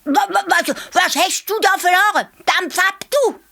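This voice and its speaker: A woman's voice: extremely high pitch, measured pace, gravelly, sharp tone, pitched above the performer's own voice, heavily acted. A woman with a Swiss German accent voicing a cheeky little male hare who stammers and blusters. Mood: blustering bossy.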